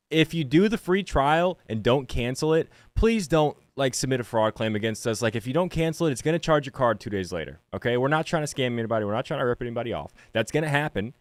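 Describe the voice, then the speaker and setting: A man co-hosting a sports betting podcast, laid-back and giggly, with a halting delivery. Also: medium pitch, no echo. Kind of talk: casual podcast talk about bets.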